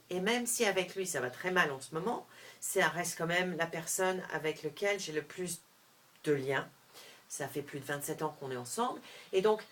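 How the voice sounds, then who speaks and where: A middle-aged woman telling a personal story to camera, animated, with frequent restarts, moving between hushed and loud. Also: fairly low pitch. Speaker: vlogger.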